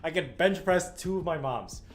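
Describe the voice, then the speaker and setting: A man's voice: on the high side, expressive, moderate pace. Rambling thirty-year-old man chatting on stream. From Illinois, US Midwest. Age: 30s. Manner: rambling, laughs often, many fillers. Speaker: livestreamer. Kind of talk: casual livestream chat. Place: home room while stringing rackets. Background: faint music.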